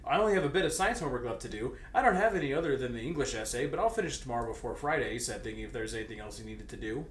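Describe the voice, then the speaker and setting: Racing along with lively intonation, this mid-range male voice performs fan fiction as comedy. Expect theatrics, joking asides, sudden laughter, and mock shouting, heard in an echoey room with clear background noise.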